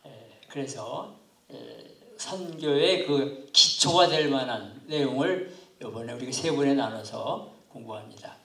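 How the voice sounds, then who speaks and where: A man in his seventies, a pastor teaching a missions class to lay ministry students, speaking in an unhurried, halting, politely formal way. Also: mid-range voice, expressive, sharp tone. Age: 70s. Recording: echoey room, far from mic.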